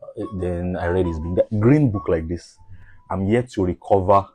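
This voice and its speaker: A man who is a medical doctor, a guest on a radio talk show, speaking in a reflective, deliberate way. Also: low-pitched, warm tone, slightly rough, no room sound, soft background music.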